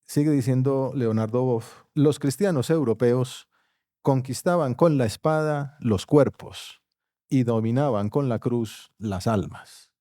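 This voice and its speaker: Measured Colombian man giving a lecture. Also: medium pitch, dry recording, clean studio sound. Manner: measured, drops to quiet asides. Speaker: conference speaker. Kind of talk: academic lecture. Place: university auditorium.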